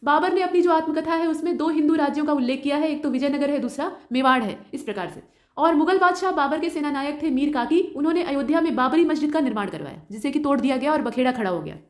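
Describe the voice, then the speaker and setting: A woman tutor talks through quiz questions at a brisk clip, her voice sitting high. She lays out each answer option one by one and slips English terms into her explanations. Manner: mixes English terms into Hindi. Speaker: exam prep tutor.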